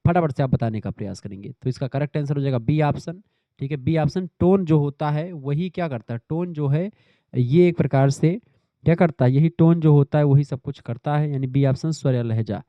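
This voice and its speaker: A man's voice: fairly high pitch, dry recording. Male teacher, dry lo-fi sound. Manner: reads questions slowly, then explains in quick Hindi; repetitive, addresses students directly. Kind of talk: exam-prep lecture.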